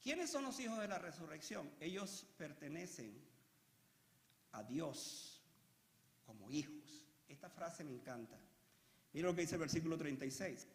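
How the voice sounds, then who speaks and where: A man preaching a sermon, moving between loud emphatic proclamation and quiet reflective asides. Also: a little high, very animated, measured pace. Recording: echoey hall with long reverb.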